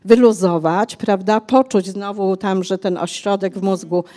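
Holding a handheld mic on an indoor bookshop cafe stage, an older author answers a conversational interview, speaking at length with frequent hesitations. She keeps a medium pitch and a steady, mellow tone at a measured pace.

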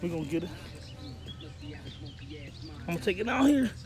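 A man in his thirties vlogging while fishing off a riverbank, loud and laughing, swearing a lot, recorded on a phone camera outdoors. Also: sits high, animated, moderate pace, soft background music. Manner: loud, laughing, profane hype talk. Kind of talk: casual fishing vlog banter. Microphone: phone camera held or propped nearby.

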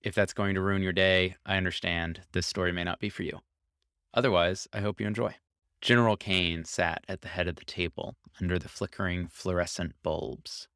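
A man reading a short science fiction story aloud as narrator, calm and even, on a close mic. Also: deep voice, moderate pace, clear, resonant tone, dry recording. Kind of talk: scripted narration.

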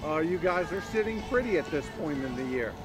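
A man interviews players after a game with enthusiastic, stat-heavy questions. His voice sits high for a man. Music plays clearly behind him. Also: animated, brisk. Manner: enthusiastic, leading questions with stats. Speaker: sports interviewer.

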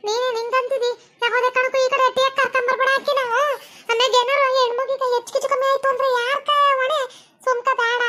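A woman's voice: very high voice, sharp tone. A woman playing a bossy village woman who insists on her advice, in a village family drama.

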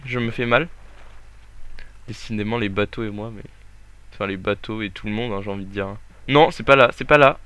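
A young man giving jokey, excitable let's play commentary, talking to the game as he plays. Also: medium pitch. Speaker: gaming YouTuber.

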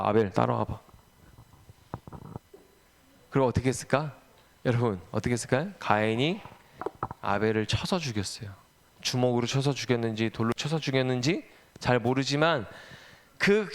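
A man, a pastor, giving a children's sermon, animated and asking the children questions as he tells the story. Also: mid-range voice, clean tone.

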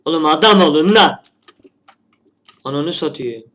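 A man's voice: fairly high pitch, expressive, unhurried, a bit bright. Young man grumbling through gameplay. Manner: chatty, grumbling at the game, swears offhandedly. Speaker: gaming channel host. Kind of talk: casual gameplay commentary.

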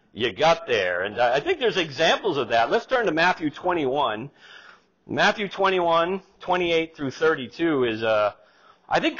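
A middle-aged man preaches from a church pulpit, his voice sitting slightly high and moving animatedly as he lifts lines of scripture. The sound is lo-fi and a little muffled, captured from a distance in the sanctuary. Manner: lively preaching, reads scripture aloud with rising emphasis. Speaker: pastor. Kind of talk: sermon. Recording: slightly dull, lo-fi church recording.

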